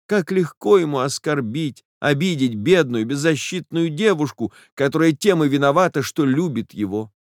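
A heartbroken young woman pleads in a high, trembling, tear-choked voice, put on by a male audiobook reader. Her words break and rush as she implores. The sound is close and dry. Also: lively intonation, moderate pace, no echo, close to an everyday voice. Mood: pleading. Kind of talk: audiobook character voice.

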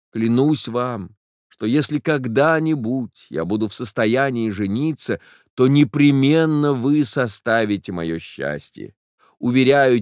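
A man voicing a gentle, earnest young suitor who speaks softly, slowly and solemnly. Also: medium pitch, no echo, clean studio sound, natural voice. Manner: soft, slow and solemn.

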